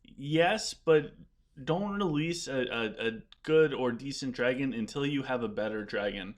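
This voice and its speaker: A man live-streams a game, commentating at a measured pace in a medium-pitched voice and replying to viewers. His talk is casual and meandering, full of restarts, as his voice begins to fail.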